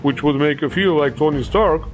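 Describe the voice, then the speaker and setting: A man's voice: a little high, moderate pace, faint music behind. A man hosting a game mod showcase, upbeat and joking, with plenty of enthusiasm. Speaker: host.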